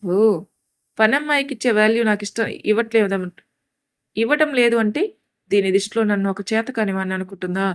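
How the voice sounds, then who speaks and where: A woman's voice: mid-range voice, a little fast, pauses often, no echo, clean studio sound, lightly acted. A woman voicing a prideful, irritated young man in a storybook. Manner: grumbling, curt.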